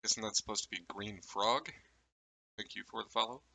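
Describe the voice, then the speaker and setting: A man's voice: fairly low pitch, fairly even intonation, moderate pace, gravelly, bright, forceful tone, dry recording. A man live-streaming and chatting casually with viewers and teammates, with crude joking banter. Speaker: live streamer and unit member.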